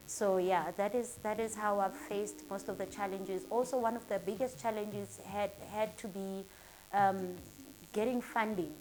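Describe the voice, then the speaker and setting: A woman's voice: medium pitch, steady tone, measured pace, darkish tone, a little hiss or hum. Earnest South African woman in her thirties. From Durban, South Africa. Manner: earnest, upbeat and motivational. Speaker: salon owner. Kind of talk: casual interview answers.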